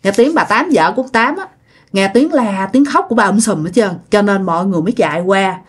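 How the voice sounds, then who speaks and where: A woman's voice: medium pitch, lively intonation, fast talker, husky. A woman with a Southern Vietnamese accent telling a ghost story in a chatty, casual way, addressing her listeners directly.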